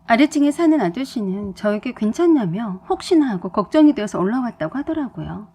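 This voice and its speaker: Female storyteller, breathy voice, lively pitch, soft scripted narration.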